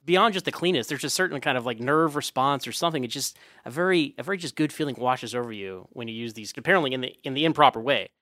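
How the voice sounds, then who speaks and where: Male podcast host, quick and chatty, dry close sound. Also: medium pitch, expressive, bright, forceful tone, no echo. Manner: chatty, with fillers like "like" and "right". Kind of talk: casual interview chat.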